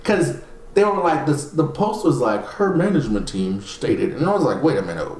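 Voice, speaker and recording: A man's voice: medium pitch, normal speed, a little hiss or hum. A man co-hosting a casual podcast, telling stories animatedly and acting out what others said. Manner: animated storyteller, acts out quotes. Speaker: podcast co-host. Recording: echoey room.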